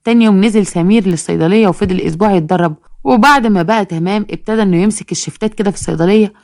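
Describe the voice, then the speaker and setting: A woman with an Egyptian accent, narrating a story in a brisk, matter-of-fact way. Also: medium pitch, darkish tone, no echo, studio quality. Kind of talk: scripted narration.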